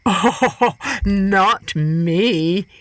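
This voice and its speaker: Sly trickster coyote for a storybook tale, played by a woman: greedy, male, easily fooled, very slow drawn-out delivery. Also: medium pitch, no echo, studio quality. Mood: sly, coaxing. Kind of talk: storybook character voice.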